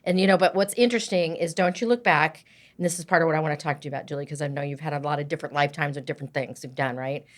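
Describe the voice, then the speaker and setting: A woman in her sixties hosting a podcast, chatting warmly with her guest and often checking in with "right?". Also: low-pitched, fairly even intonation, very fast. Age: 60s. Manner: warm, affirming, often says "right?". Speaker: podcast host. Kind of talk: casual interview chat.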